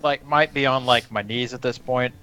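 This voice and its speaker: A man playing a tabletop game, halting as he talks through his moves while he decides them. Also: medium pitch, steady tone, pushed and bright, no room sound. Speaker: player. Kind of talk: casual tabletop role-play. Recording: dull lo-fi stream audio with faint music.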